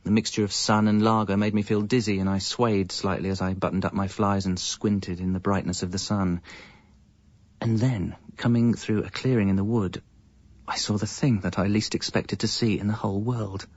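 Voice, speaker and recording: In a radio comedy, an English man serves as narrator and lead, playing a hapless, evasive young father who is hesitant, self-justifying and wry, with a wry, anxious mood. His voice is lowish, steady and near everyday speech, at a moderate pace, on dull audio.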